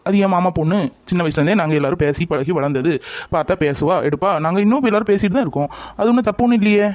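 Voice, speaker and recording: A man's voice: sits high, racing, a little mellow, dry recording. A young man in a scripted romantic drama, talking with reproach and coaxing. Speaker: lover in a family skit.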